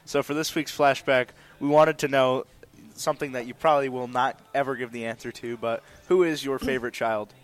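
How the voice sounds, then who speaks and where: A man's voice: mid-range voice, steady tone, fairly quick, few pauses. A young Midwestern man hosting a podcast, joking and teasing his guests in casual chat. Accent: Midwestern American. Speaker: podcast host.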